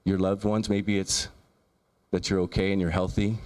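A man's voice: low voice, little pitch movement, normal speed, darkish tone. A man in his thirties giving an earnest keynote talk with a handheld mic in a large lecture room, often restarting and repeating words as he lists ideas. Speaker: keynote speaker. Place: large lecture room, in front of a projection screen. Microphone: handheld microphone.

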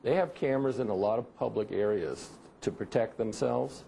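An older man, a maritime injury lawyer, answering in a measured, halting way during a remote news interview. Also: on the low side, vocal fry, dark tone, slight background noise, low-quality recording. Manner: measured, halting, restarts often. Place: remote TV studio.

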